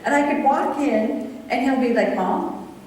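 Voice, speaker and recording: A woman's voice: high-pitched, moderate pace, slight background noise. Chatty woman preaching in an echoey hall. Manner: animated, chatty storytelling with audience questions. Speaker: speaker at a women's event. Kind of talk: conversational sermon with personal stories. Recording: distant voice in a reverberant hall.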